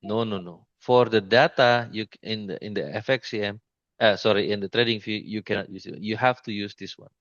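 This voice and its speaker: A man giving an informal screen-share trading lesson, speaking haltingly with many restarts and repeated pointers to the chart. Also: on the low side, steady tone, a bit bright, no room sound, dull audio. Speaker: trading mentor.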